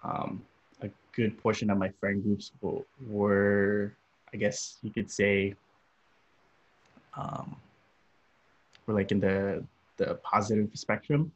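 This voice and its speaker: A young man from Los Angeles, a podcast guest, talking about his upbringing in a relaxed, rambling way with many fillers. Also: on the low side, slow pace, pauses often. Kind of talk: casual interview. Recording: dull lo-fi audio.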